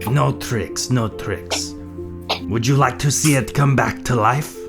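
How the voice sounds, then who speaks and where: A woman playing a wry, wordy adventurer in a tabletop game, deadpan and drily formal. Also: a bass voice, takes it slowly, exaggerated voice. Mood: sly, wry. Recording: loud music over the voice.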